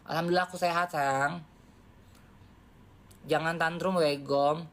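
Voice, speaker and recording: A woman's voice: deep voice, steady tone, unhurried. A woman around forty chatting on a phone live stream, bluntly lecturing her viewers in casual slang. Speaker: livestreamer.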